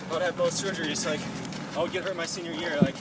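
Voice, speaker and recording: Young american dude chatting casually while out on a run, mic kinda far, really loud street noise. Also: male voice, on the high side, steady tone, quick pace. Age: 20s. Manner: talking while running outdoors; rambling, informal, peppered with "like". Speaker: runner and online running coach. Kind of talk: casual chat while running. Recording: distant mic, loud outdoor traffic noise.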